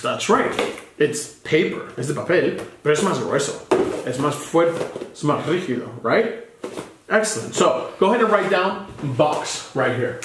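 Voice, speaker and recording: A man with an expressive voice on the high side patiently teaches a child English vocabulary one-on-one at a slow pace. He switches between English and Spanish and spells words out letter by letter, in an echoey room with background noise.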